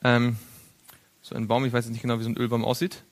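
A man leads a Bible study in a church group room, talking at a mid pitch. He keeps turning to the group with questions and chuckles now and then as he sketches on a board. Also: monotone, fast talker. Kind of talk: interactive Bible study lesson.

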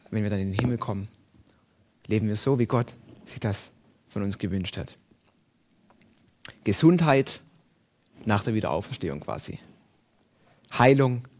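Husky-voiced man preaching a sermon. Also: mid-range voice, a little mellow. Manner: emphatic, rising and falling delivery. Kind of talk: sermon with Bible reading.

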